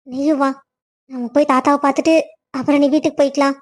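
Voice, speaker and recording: A woman's voice: high voice, level tone, fast, close to an everyday voice. A woman voicing a younger sister in a cartoon story, coaxing and insistent.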